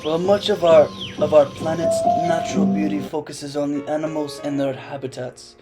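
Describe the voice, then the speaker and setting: A young man narrating a parody nature documentary in a hushed, mock-solemn wildlife voice. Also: fairly high pitch, fairly even intonation, moderate pace. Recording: music playing underneath.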